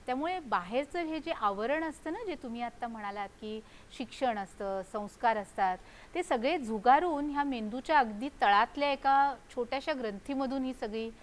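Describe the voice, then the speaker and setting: An older woman, a psychiatrist guest, explaining calmly and using proverbs. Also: a little high, moderate pace, hardly any pauses. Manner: calm, explanatory, uses proverbs. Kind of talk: explanatory studio talk.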